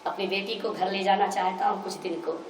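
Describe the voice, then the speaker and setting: A man doing a soft-spoken worried father. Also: high-pitched, a little fast, close to an everyday voice. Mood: pleading. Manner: soft, pleading, calming. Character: worried, patient middle-aged father. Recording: echoey hall, voice from far off.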